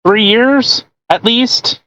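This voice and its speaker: A sarcastic podcast co-host reads out a post with jeering commentary, swearing freely and interjecting often. The mid-range voice has a sharp tone, with no room sound, though the recording is rough.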